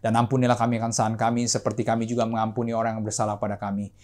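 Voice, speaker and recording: A man serving as pastor, preaching with rising emphasis and then leading a steady prayer, often calling out to his listeners and to God. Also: on the low side, racing. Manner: animated preaching, often adding "saudaraku" and "gitu"; softer, steady prayer voice, repeating "Tuhan". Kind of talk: sermon and prayer.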